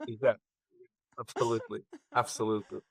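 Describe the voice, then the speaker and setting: A man from Kazakhstan, a guest on a podcast, answers in a conversational interview with a lowish, level, slightly rough voice, speaking fairly quickly. He hesitates a lot, with many ums and restarts, on a dry recording.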